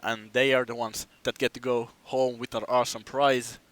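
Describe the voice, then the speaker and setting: A young man co-casting a student esports tournament, laid-back and quick to agree with his partner. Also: medium pitch, little pitch movement, a bit bright, clean tone. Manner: laid-back co-host, many affirming yeahs. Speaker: esports caster. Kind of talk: live game commentary.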